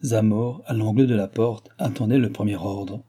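A male audiobook narrator with a husky, dark voice. He reads in a measured, steady manner, fairly low in pitch. The delivery is scripted narration of a novel.

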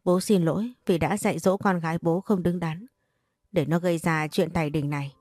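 A woman's voice: fairly low pitch, steady tone, brisk, darkish tone, no echo, clean studio sound, lightly acted. A woman reading as a stern middle-aged father. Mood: grave.

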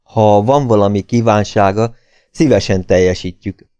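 A man's voice: on the low side, warm tone, clean tone, no room sound, highs cut off, natural voice. A man voicing a haughty, stiff prison warden in an audiobook, speaking in a pompous, formal way.

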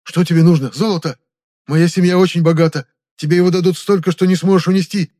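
Brief: spoiled young nobleman in a tight spot, high and shrill, blustering and begging, a man voicing him. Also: steady tone, fast, dark tone, lightly acted. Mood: threatening. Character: panicking arrogant young male noble captive.

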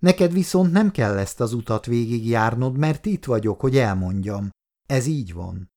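A man voicing a kind, weary old man in a wheelchair in an audiobook, speaking calmly and gently. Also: mid-range voice, lightly acted. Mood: gentle.

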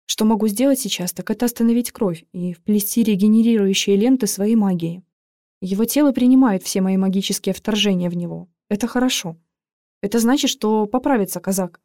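A woman narrating a first-person audiobook in a lively, expressive way. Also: mid-range voice, fairly quick, no echo, studio quality.

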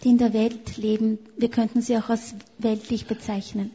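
Lady translating a sermon live, flat steady voice, muffled sound. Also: fairly high pitch, moderate pace, breathy edge. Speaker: interpreter. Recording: echoey hall, dull sound.

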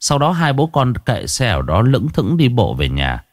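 Expressive male ghost-story narrator, lively. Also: medium pitch, moderate pace, dry recording, clean studio sound. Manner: expressive, dramatic reading.

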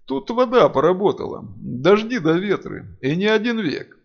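Guy reading as a grumbly gnome, sarcastic and blunt, raspy, lively pitch. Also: moderate pace, highs cut off, heavily acted. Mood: grumbling. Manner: grumbling, folksy. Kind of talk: audiobook character reading.

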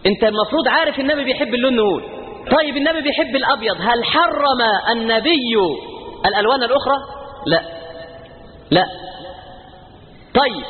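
A man with an Egyptian Arabic accent preaching a sermon, fervent and emphatic, rising to loud peaks. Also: high voice. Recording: tinny phone-like sound, long hall reverb, faint noise.

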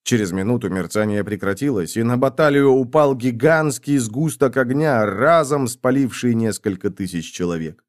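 A man reading a fantasy audiobook aloud, voicing all the characters himself and shouting their battle orders. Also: mid-range voice, normal speed, hardly any pauses. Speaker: audiobook narrator.

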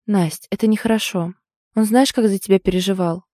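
A woman voicing an anxious, protective young female friend in an audiobook, talking in quick, worried pleas. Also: mid-range voice, fairly even intonation, dark tone, no room sound, clean studio sound, lightly acted. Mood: pleading.

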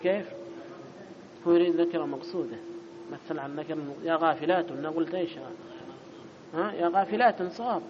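A man teaching an Arabic grammar lesson, quizzing his students, correcting them briskly and reading the text aloud in a louder, higher voice. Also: a crowd in the background. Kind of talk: classroom lesson with student questions. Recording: dull lo-fi recording with clear background noise.

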